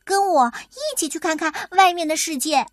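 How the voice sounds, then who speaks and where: A woman's voice: extremely high pitch, animated, moderate pace, no echo, clean studio sound, voice pushed up. A woman voicing a cheerful, thoughtful little male mouse who talks eagerly.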